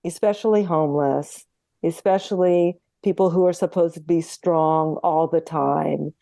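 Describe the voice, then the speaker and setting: Earnest, chatty woman homeopath, mellow tone. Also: low voice, steady tone, measured pace, vocal fry, dry recording, studio quality. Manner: chatty, earnest, re-enacts dialogue. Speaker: homeopath guest. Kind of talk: conversational interview.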